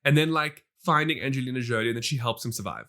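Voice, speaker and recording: A man co-hosting a podcast in casual chat, animated, laughing often and restarting his sentences. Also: mid-range voice, quick pace. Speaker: podcast co-host.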